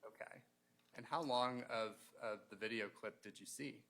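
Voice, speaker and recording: A man questioning a witness as a prosecuting attorney in a courtroom, in a formal, procedural and halting way. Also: medium pitch, bright, forceful tone. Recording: noisy courtroom pickup with room ambience.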